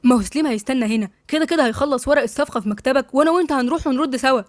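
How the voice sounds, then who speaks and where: A woman's voice: high voice, no room sound, studio quality, close to an everyday voice. A woman voicing an agitated young man with an Egyptian accent. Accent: Egyptian Arabic. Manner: agitated, quick. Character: hot-headed young man, younger brother.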